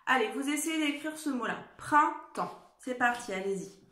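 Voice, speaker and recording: A woman teacher giving a dictation lesson to young children, spelling out words and letters slowly and carefully. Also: high voice, lively intonation, pushed and bright, echoey room. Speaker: primary school teacher.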